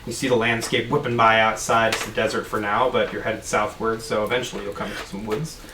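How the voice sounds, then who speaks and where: A game master narrating a tabletop game in a relaxed, halting way, with plenty of fillers. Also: mid-range voice. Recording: echoey room, mic at a distance, faint noise.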